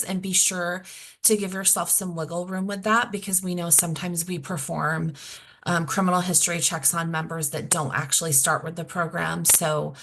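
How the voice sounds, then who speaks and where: A woman presenting a grant webinar over a video call, explaining deadlines and budgets plainly, losing her voice and clearing her throat. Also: on the low side, fairly bright tone. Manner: plain, explanatory, self-correcting. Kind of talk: technical assistance webinar.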